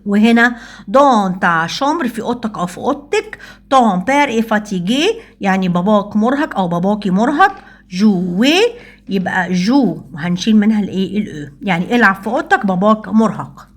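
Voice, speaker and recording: A woman with an Egyptian Arabic accent, teaching French grammar and working through exercises, saying the French examples slowly and explaining briskly. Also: medium pitch, lively intonation. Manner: slow, careful French phrases between brisk Arabic explanation.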